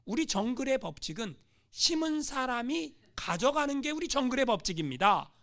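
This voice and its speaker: A man voicing stubborn jungle villagers who flatly state their rule, in a sermon story. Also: very high-pitched, moderate pace, voice pushed up, exaggerated voice. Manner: flat declarations of their rule.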